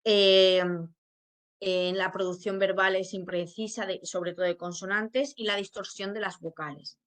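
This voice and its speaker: A woman from Spain speaks as a speech therapist in an informal teaching talk. Her pitch sits in an ordinary middle range. She explains patiently, pausing on fillers and checking in with her listeners. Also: fairly even intonation. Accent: Spain Spanish.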